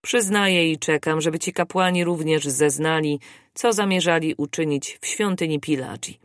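A reader voicing a calm, reserved English gentleman in an audiobook, with a low, clipped delivery. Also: normal speed, no room sound, studio quality, natural voice. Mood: composed.

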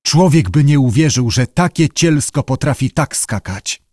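A man reading an audiobook in measured, even storytelling narration. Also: medium pitch, no echo, clean studio sound.

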